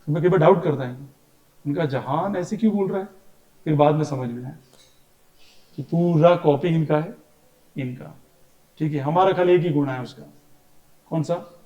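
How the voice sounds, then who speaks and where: Male science teacher in a classroom, kinda high voice, echoey room, chatty and teasing. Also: normal speed, long pauses, dark tone, highs cut off. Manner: chatty, teasing, tells stories and mimics family members. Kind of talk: classroom lecture.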